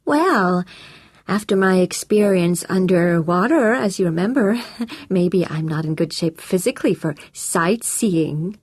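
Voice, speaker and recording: Woman doing a falsetto young phone prankster. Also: expressive, measured pace, dry recording, studio quality. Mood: mocking. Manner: falsetto, overdone, giggly. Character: young man faking a dead man's voice, mocking, creepy. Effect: phone line.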